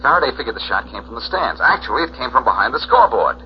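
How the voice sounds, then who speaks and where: In a dull, noisy 1940s radio recording, a male actor plays a cocky, wisecracking amateur sleuth in classic radio detective style, glib and teasing. His mid-range voice sounds natural, swinging widely in pitch as he explains things briskly and fast.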